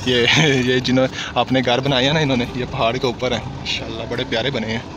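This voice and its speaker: A man's voice: mid-range voice, little pitch movement, fast, very noisy. A young man, chatting casually as a vlogger while riding in a vehicle cab and recording on a handheld phone camera. He talks in a loose, repetitive way and keeps calling his viewers brother. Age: young adult. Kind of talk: casual travel vlog narration. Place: inside a vehicle cab on a drive. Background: background music.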